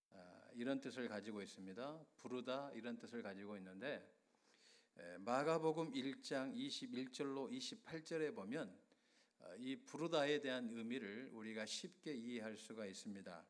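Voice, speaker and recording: A man preaching a Sunday sermon as pastor, measured with fillers, then rising to loud, emphatic repetitions. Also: medium pitch, lively intonation. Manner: measured delivery with drawn-out fillers.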